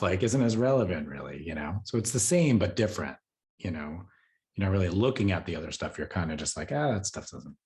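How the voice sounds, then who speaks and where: A man with a very low voice teaches meditation in an easygoing, conversational way. He talks loosely, with many fillers and small soft laughs between thoughts. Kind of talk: casual spoken teaching.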